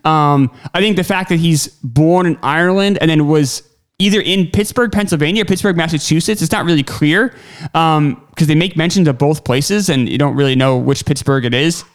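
A man's voice: on the high side, moderate pace. A man hosting a podcast, his voice sitting a little above the usual male range. He rambles along in a casual, chatty way, padding his talk with "like" and "um". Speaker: podcast host. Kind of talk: casual film discussion.

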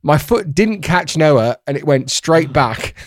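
A man's voice: on the high side, animated, takes it slowly, dry recording, clean studio sound. A British man in his thirties co-hosting a podcast, telling rambling anecdotes and teasing in casual chat. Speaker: podcast co-host, former radio presenter.

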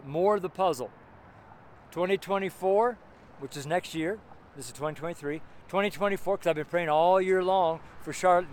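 Traffic hums behind a high-voiced man in his seventies preaching outdoors among city buildings. His off-the-cuff sermon is informal and rambling, delivered in a strong voice that carries, with frequent exclamations and phrases repeated for emphasis.

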